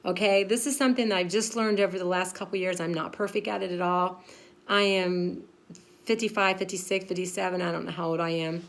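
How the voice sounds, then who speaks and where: A woman's voice: on the low side, fairly even intonation, fairly quick. A woman in her fifties, a pastor's wife, giving a frank, chatty devotional talk with lots of fillers and laughing at herself. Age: 50s.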